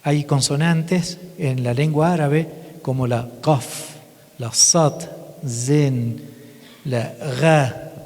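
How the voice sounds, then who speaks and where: A male priest speaks to a parish congregation with a slightly raised voice. He tells his stories haltingly, often breaking off and starting again. His voice trails into a long reverb in the church. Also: on the high side, dark tone. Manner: halting storytelling with frequent restarts. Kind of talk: testimony talk to a parish congregation.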